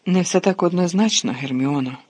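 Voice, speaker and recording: A narrator reading an audiobook, voicing a calm, weary adult male teacher who speaks in measured tones. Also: mid-range voice, husky.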